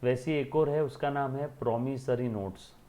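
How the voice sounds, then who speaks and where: Commerce teacher guy lecturing, keeps asking clear? and answering himself. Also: mid-range voice, moderate pace, dark tone. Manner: repeats questions and answers them himself, calls students beta. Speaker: accounting teacher. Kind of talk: classroom lecture.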